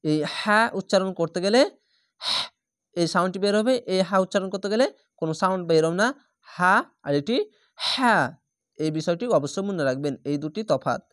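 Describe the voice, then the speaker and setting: A man with a Bangladeshi Bengali accent teaching Quran reading rules step by step, with slow drawn-out recited examples. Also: high voice, dry recording, studio quality. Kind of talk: spelled-out Quran recitation lesson.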